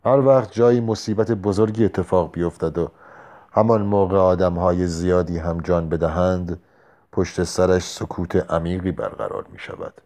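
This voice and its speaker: A man reading the lines of a drunk, war-hardened soldier who talks slowly and heavily. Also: low-pitched, warm tone. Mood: brooding. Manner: slow, heavy-tongued musing.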